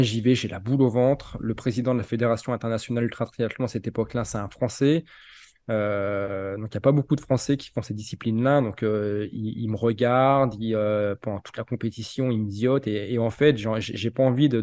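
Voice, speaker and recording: A man in his forties from France tells his story in a casual interview, acting out the exchanges with lively quoted dialogue and many fillers. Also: medium pitch, no room sound. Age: 40s. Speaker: interviewee, ultra triathlete.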